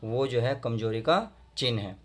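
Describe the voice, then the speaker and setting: A man teaching a Hindi poem to school students, reading verse lines slowly and then explaining them in plain, friendly talk. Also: medium pitch, animated. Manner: addresses students fondly, often asks if they understood.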